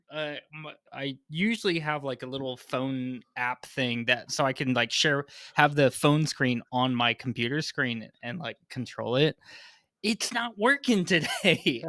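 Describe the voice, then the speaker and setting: A man's voice: on the high side, unhurried, bright, forceful tone, dry recording. A young man co-hosting a podcast in casual chat, laughing often and cursing freely. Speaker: podcast co-host.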